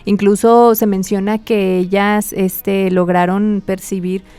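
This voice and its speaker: A woman's voice: mid-range voice, level tone, slow, warm tone, clean tone, no echo. A woman co-hosting a podcast, talking in a casual, conversational style. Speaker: podcast co-host. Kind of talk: casual chat.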